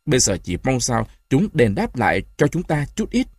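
A man reads the part of a hoarse old grandfather, stern and quick to shout, his husky voice leaping up and down. The storybook figure scolds harshly and turns choked and tearful, close and dry. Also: mid-range voice, very animated, dry recording. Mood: anguished. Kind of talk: audiobook reading.

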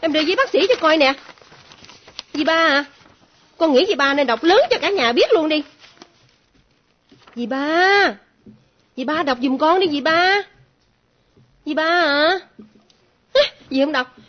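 A woman's voice: high voice, lively intonation, a little slow, long pauses. A coy, teasing young daughter, played by a woman. The sound is muffled and lo-fi. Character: playful young daughter with a secret. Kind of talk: comic stage play acting. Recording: muffled lo-fi recording.

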